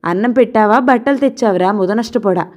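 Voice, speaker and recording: Woman doing a scolding old grandmother, mellow low-lit voice, sharp tongue. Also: quick pace, natural voice. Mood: angry scolding. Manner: scolding, sarcastic, heaping curses. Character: fiery older grandmother, sharp-tongued and cursing.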